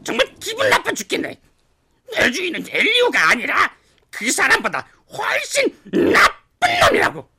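Casting: tiny indignant cartoonish dragon, squeaky, creaky, wildly swooping, noisy backdrop. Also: female voice, huge pitch swings, moderate pace, pushed and bright, exaggerated voice. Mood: indignant whining. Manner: shrill, whiny, sputtering. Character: indignant, squeaky little pet dragon creature. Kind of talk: dramatized comic audio acting.

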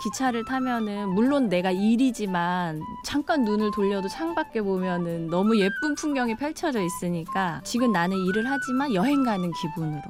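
A woman's voice: medium pitch, expressive, moderate pace, hardly any pauses, over music. Earnest woman in her thirties. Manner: earnest, reflective storytelling. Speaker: tourist train attendant. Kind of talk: interview answers.

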